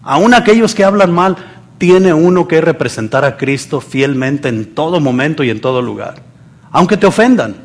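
A man preaching a sermon, swinging between loud emphasis and soft asides and acting out the people he quotes. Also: on the high side, expressive, moderate pace.

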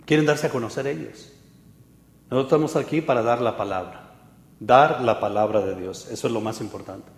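Pastor preaching in an echoey hall. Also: male voice, mid-range voice, fairly quick. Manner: conversational, asks listeners for agreement. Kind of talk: sermon.

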